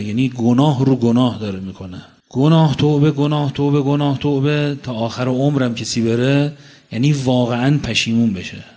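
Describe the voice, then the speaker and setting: A man's voice: medium pitch, darkish tone, slightly rough. Male preacher, medium voice, fervent sermon delivery, recites Arabic passages then explains, emphatic repetition. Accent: Iranian Persian. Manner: storytelling, quoting Arabic verses then explaining them; repeats phrases for emphasis, rising to fervent peaks. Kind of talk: religious sermon.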